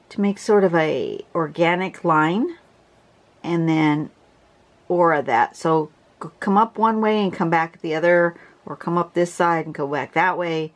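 Sitting at her desk at home with the camera over her drawing surface, a woman who teaches drawing talks through a relaxed tutorial. Her voice is lowish and stuffy from congestion, and she rambles chattily, frequently starting over and clearing her throat.

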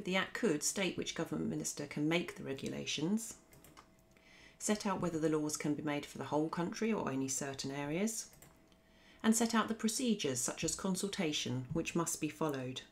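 A woman narrating a scripted law revision lesson as a voice-over, explaining in a clear, methodical way. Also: deep voice. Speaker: law teacher.

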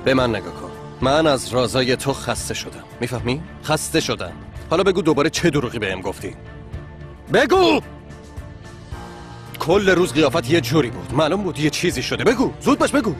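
A man's voice: medium pitch, very animated, over music, close to an everyday voice. A man dubbing a young husband who insistently demands answers from his wife. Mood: angry. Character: young husband, angry and suspicious. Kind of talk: TV drama dub.

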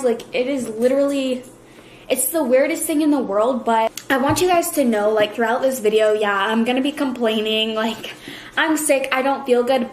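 A woman's voice: high-pitched, reverberant, a little hiss or hum, low-quality recording. A young woman vlogging casually at home, chatty and full of fillers, nauseous and tired. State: nauseous, worn out. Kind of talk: casual vlog chat. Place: home kitchen.

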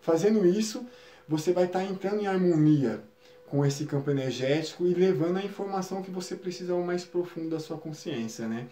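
Man, spiritual teacher on a live stream, mellow slightly high voice, calm explanatory delivery, roomy echo. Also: fairly quick. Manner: calm, explanatory, frequent tag questions.

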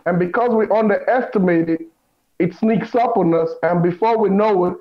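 A man with a high voice lays out his points with emphatic, sermon-like weight. He slows down to repeat his key lines. The recording sounds dull and lo-fi. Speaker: guest. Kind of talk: preachy conversation.

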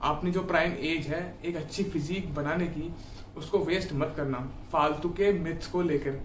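A young man from India talks earnestly to the camera, urging his viewers on with a fairly high voice. The sound is roomy and a little distant, picked up by a camera mic a few feet away in a small room at home, with faint ambient noise. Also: fairly even intonation, normal speed. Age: 20s. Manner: earnest, encouraging, addresses viewers directly. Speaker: fitness YouTuber. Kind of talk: casual advice talk to camera. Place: small indoor room at home, seated on a bed.

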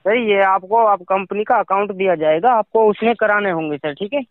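Over a tinny, narrowband phone line, a company phone agent makes a sales call. His voice sits high and he keeps a moderate pace, pressing insistently and repeating himself.

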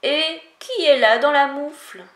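Une femme fait la voix d'une petite grenouille gelée qui demande à se mettre à l'abri. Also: female voice, high-pitched, unhurried, roomy sound, voice pushed up. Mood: pleading. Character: small frozen shivering frog.

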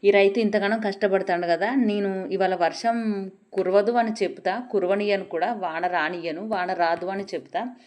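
A woman's voice: medium pitch, fairly even intonation, normal speed, a little mellow, close to an everyday voice. A woman voicing the stern male god Indra in a spoken folk tale, who repeats his orders emphatically. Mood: commanding.

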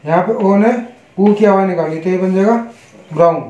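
In this online pronunciation class, a male Indian English tutor speaks in a high, mellow voice, spelling out each word deliberately one letter at a time before giving its meaning in Hindi. His teaching is slow and repetitive, and the audio has the roomy, dull echo of a lo-fi space.

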